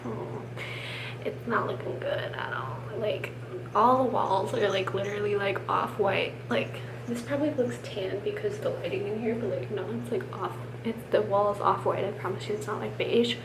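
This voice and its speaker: Sick with a swollen, sore throat, a young adult vlogger from the US talks to her camera at home in a rambling, self-deprecating way, keeping quiet and at times whispering. Her medium-pitched voice is creaky with fairly even intonation at normal speed, on a noisy, roomy home recording.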